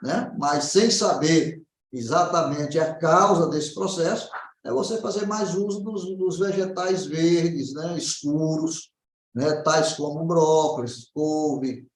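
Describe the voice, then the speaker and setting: A Brazilian man, acting as a naturopath, responds to questions in a relaxed health consultation, often pausing to confirm the listener understands. He speaks slowly in a fairly high voice, and the audio carries a roomy echo.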